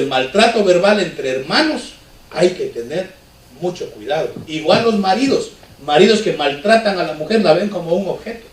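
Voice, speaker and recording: A male pastor preaching a sermon conversationally, often asking the congregation rhetorical questions. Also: fairly high pitch. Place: church hall. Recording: echoey church from far off.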